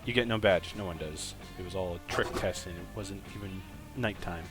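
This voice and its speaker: A man's voice: deep voice, normal speed, music in the background. A man narrating a camp dating game to friends, joking and stumbling over the text.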